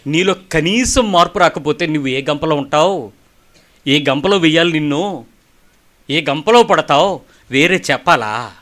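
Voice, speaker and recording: A middle-aged male preacher giving a sermon, telling stories and firing rhetorical questions, moving between soft asides and emphatic lines. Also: a little high.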